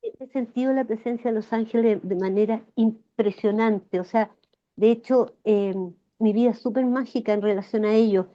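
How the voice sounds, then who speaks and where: A woman's voice: a little high, moderate pace, muffled recording. A woman in her sixties with a Chilean accent, a flower therapist guest telling emotional stories in a podcast interview. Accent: Chilean Spanish. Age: 60s. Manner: emotional, animated storyteller.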